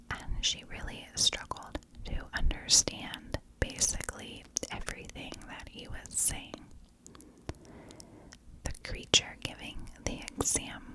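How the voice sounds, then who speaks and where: A woman hosting ASMR narrates a story in a whisper, using short, deliberate phrases. The recording quality is low.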